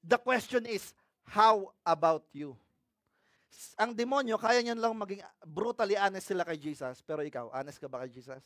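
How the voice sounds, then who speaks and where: A man with a Filipino accent preaching a sermon in a mix of two languages, reading scripture aloud and often asking his congregation questions, swinging between loud and hushed. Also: sits high, lively intonation, moderate pace, no echo, studio quality.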